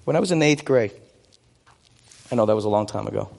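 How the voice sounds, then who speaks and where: In a hall with long reverb, a man in his forties from the United States preaches conversationally, weaving in personal stories and answering his own questions; Vietnamese is his native language. His voice is on the low side, gravelly and a little mellow, and he speaks fast and animatedly.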